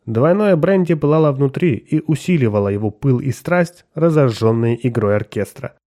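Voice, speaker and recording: A man narrating a story in a mellow, dark-toned voice, his pitch rising and falling with lively movement. He tells the story steadily and expressively, shifting his voice for each character. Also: normal speed. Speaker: audiobook narrator. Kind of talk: scripted narration with voiced dialogue.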